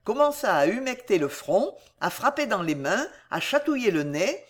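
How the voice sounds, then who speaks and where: An animated narrator reads a classic novel aloud. The pitch moves a lot and the delivery is expressive. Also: moderate pace. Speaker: audiobook narrator. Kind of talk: literary audiobook narration.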